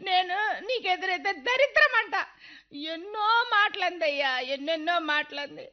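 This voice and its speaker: A woman's voice: extremely high pitch, moderate pace. A woman voicing a weeping young wife who pleads with her husband in a radio play. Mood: tearful. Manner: tearful, pleading. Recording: dull lo-fi recording.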